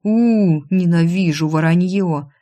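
A woman voicing a frightened young man who shouts at the things he fears. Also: on the high side, steady tone, a little slow. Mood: terrified shouting. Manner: shouting, exclaiming.

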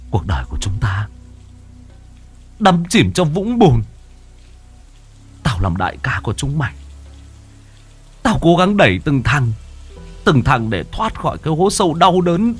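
A man voicing a loyal, hot-headed young gang boss in an audio horror story, who hisses in anger and cries out in grief. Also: deep voice.

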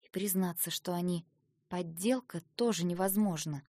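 A woman reading first-person fiction aloud in a soft, subdued manner. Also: lowish voice, normal speed, dry recording, clean studio sound. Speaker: audiobook narrator.

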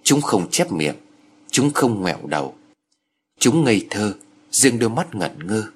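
A man narrating stories aloud in a measured, expressive way. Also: lowish voice, breathy edge. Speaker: story narrator. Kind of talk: scripted audiobook narration.

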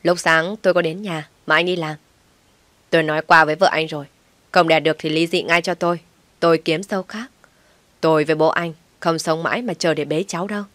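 A woman voicing a sharp-tongued, contemptuous older mother-in-law in an audio story, scolding loudly. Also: deep voice, fairly even intonation, fairly quick, no echo.

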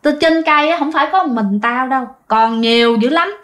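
A woman's voice: high-pitched, a little fast, fairly bright tone. A woman putting on a threatening tree demon. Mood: demanding. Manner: threatening, demanding, scornful. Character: menacing cackling tree demon possessing an old village woman.

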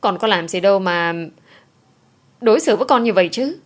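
A woman's voice: mid-range voice, lively intonation, brisk, close to an everyday voice. A woman voicing a mistreated, timid stepdaughter who pleads meekly. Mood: pleading. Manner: pleading, meek.

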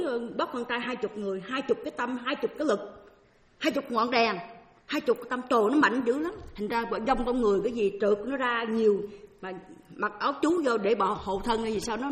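A woman with a Southern Vietnamese accent, a Buddhist nun giving a dharma talk in a chatty storytelling way, acting out what others said and slipping in English phrases. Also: fairly high pitch. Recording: echoey hall with long reverb.

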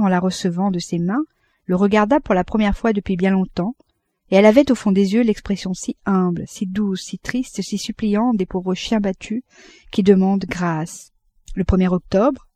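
A woman reading a classic novel aloud as audiobook narration, in a measured, unhurried manner. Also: medium pitch, mellow, no echo. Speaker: audiobook reader.

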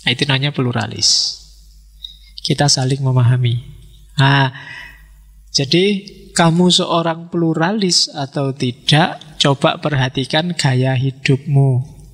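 A man gives a relaxed, conversational philosophy lecture and poses questions to his listeners. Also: medium pitch, slow pace, pauses often, in a large hall. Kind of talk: casual lecture to an audience.

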